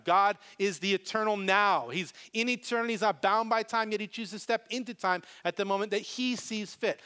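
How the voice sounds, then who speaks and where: Brief: male pastor, live sermon, animated delivery with big swings in loudness, fairly high voice. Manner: animated, swings from loud to very soft.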